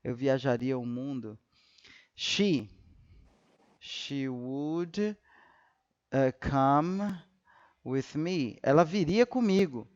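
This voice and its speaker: Slow, patient male teacher. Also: medium pitch, a little mellow, lo-fi sound. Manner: patient, repeats example sentences slowly. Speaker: English teacher. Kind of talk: live class explanation.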